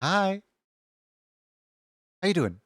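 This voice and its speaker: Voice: mid-range voice, very animated, very slow, fairly bright tone, no room sound, studio quality. A streamer chatting casually while drawing on a livestream, playful and given to cutesy exclamations. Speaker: streamer, animator.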